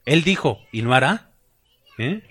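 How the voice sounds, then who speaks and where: A man's voice: mid-range voice, very animated, measured pace, fairly bright tone. A man with a Mexican accent preaching a sermon, emphatic and conversational, asking his congregation questions and slipping in folksy jokes. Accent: Mexican Spanish. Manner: folksy and joking, with colloquial asides.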